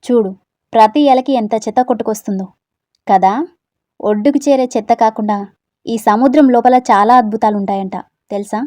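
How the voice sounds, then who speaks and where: A woman's voice: fairly high pitch, fairly quick, pauses often, mellow, no echo, close to an everyday voice. A woman voicing a teasing, cocky young rowdy. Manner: teasing, self-assured. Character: cocky young man, bold brash romantic rowdy.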